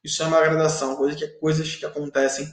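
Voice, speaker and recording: A male teacher with a fairly high voice gives a chatty online class. He keeps checking in with rhetorical tags. The room around him is echoey. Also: flat delivery, fast.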